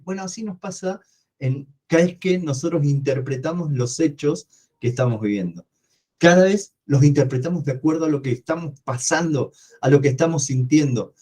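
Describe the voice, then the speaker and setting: A man with an Argentine accent teaching an online coaching class, talking loudly and energetically and putting questions to the class that he answers himself. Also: a little high. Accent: Argentine Spanish. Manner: loud, energetic way of speaking. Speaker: coaching course instructor.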